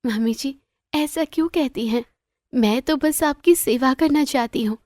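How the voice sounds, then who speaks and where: A woman voicing a meek, polite young daughter-in-law in a cartoon story, speaking gently. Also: high voice, measured pace, no echo, studio quality, pitched above the performer's own voice. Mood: pleading. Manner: gentle, pleading. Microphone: dry close voice-over.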